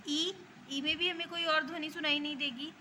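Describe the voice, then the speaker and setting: Speaking at a normal pace, this Indian-accented woman teaches grammar to young children, her high voice steady yet sharp in tone. She is a school teacher who goes over every point with patience, repeating herself and frequently checking understanding, while slight background noise sits behind her.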